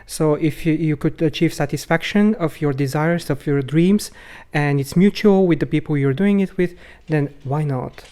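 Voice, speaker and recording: A man from Bulgaria, speaking as a podcast guest in a hesitant, halting way with many filler sounds. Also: on the high side, mellow. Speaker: podcast guest, rope bondage instructor. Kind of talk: casual conversational interview.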